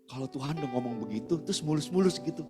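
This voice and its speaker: A man's voice: fairly high pitch, animated, racing. A male pastor giving a casual, chatty storytelling sermon, speaking directly to his congregation. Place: church service hall. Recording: long church reverb, soft guitar behind.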